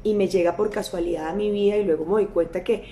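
A woman's voice: mid-range voice, steady tone, fast, warm tone. Woman hosting a live chat, echoey room, faint background hiss. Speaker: host. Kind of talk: live-stream interview.

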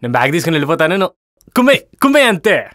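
An actor playing a teasing, wisecracking young bachelor in a comedy web series. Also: male voice, fairly high pitch, big pitch swings, very fast, fairly bright tone, no room sound. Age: young adult. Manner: teasing, philosophizing friend. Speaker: bachelor roommate.

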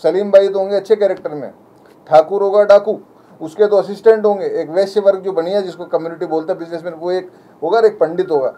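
A man's voice: high voice, fairly even intonation, dark tone. A young man speaking to the press as a community spokesman, pleading and indignant. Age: young adult. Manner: pleading, indignant, rapid and emphatic. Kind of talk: impassioned press statement.

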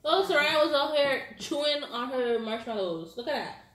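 Young woman, high voice, echoey room. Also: lively intonation, moderate pace, a bit bright. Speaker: host of a family challenge video. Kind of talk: casual playful chat. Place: home dining room, indoors. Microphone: camera across the table. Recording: echoey room with background noise.

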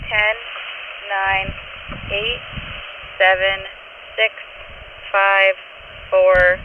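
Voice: mid-range voice, level tone, extremely slow. A distant radio operator heard over a two-way radio, answering a radio check with clipped call-outs. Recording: tinny radio transmission with loud static.

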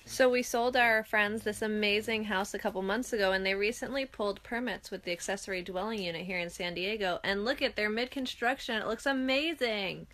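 A woman in her thirties, a realtor, talking excitedly in a casual vlog filmed on a phone at arm's length. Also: mid-range voice, a little fast, hardly any pauses. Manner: excited, bubbly. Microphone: phone held at arm's length.

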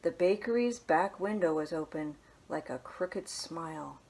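Seated before a camera in a small living room, a children's librarian in her thirties reads a picture book aloud, gentle and unhurried, with hushed asides. Her slightly rough voice sits a little low at a measured pace, and the audio is poor.

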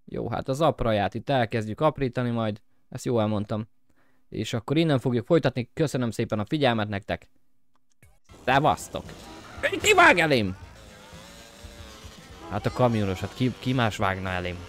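Guy doing let's play commentary, jokey, swears, keeps yelling at the game. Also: mid-range voice. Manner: excitable, yelps and shouts at the game, swears; jokey self-talk to viewers. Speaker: gameplay commentator.

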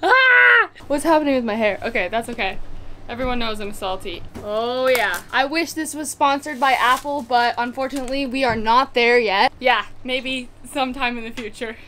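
A teenage girl vlogs into a handheld action camera held at arm's length, first aboard a sailboat and then on a sunny beach. Her voice sits on the high side, bright, forceful, and expressive at a moderate pace, and her bubbly chatter is full of "oh my gosh."

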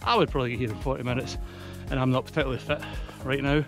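Out on a mountainside, a slightly breathless Scottish man in his thirties races through a casual chat to camera for his hiking vlog. He has a mid-range, somewhat bright voice with fairly even intonation, over soft background music.

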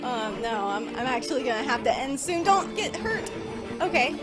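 A woman's voice: sits high, sing-song, moderate pace. A young woman live-streaming a video game, chatting on and on with growing exasperation, her voice worn from screaming. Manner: chatty, rambling and exasperated, bursting into shouting. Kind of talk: live gameplay commentary. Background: game music.

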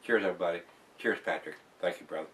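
A man's voice: low-pitched, quick pace, fairly bright tone, far from the mic, a little hiss or hum. An older man casually reviewing a beer to camera in his home bar, rambling with fillers and restarts. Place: home bar room, indoors.

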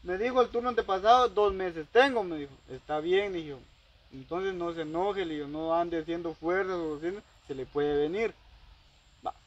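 The man relates his personal dispute at a normal pace in a high-pitched voice, voicing each side of the exchange through lots of quoted dialogue. It's a casual, rambling account, captured in dull-sounding audio.

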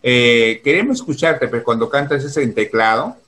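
A man's voice: mid-range voice, animated, normal speed, fairly bright tone. A man running a casual online interview over a video call, chatty and full of fillers. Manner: chatty, many fillers like "pues" and "este".

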